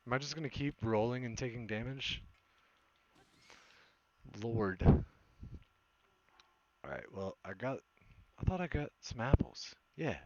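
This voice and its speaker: A man's voice: medium pitch, unhurried, pauses often, a little mellow, highs cut off. A man chatting casually as he streams gameplay, rambling and hesitant, with a self-deprecating manner and a smoker's voice. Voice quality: smoker's voice with occasional cough. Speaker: game streamer. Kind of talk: casual live gameplay chat.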